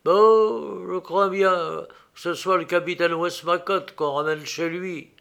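A man's voice: fairly high pitch, measured pace, sharp tone, voice pushed up. A man reading an audiobook aloud, voicing an ardent young male inventor who speaks eagerly and with emphasis.

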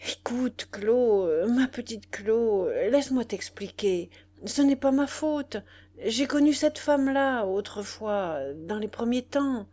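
A flustered young man stammering his excuses in a storybook reading, as a woman plays him. He pleads softly, in a voice pitched somewhat above her narrating voice. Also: slow pace. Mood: pleading.

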